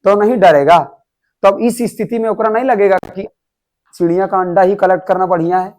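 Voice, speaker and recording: Young male classroom teacher, high-pitched, animated lecturing with constant questions to students. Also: a little fast, rough recording. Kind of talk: classroom lecture explaining an English story.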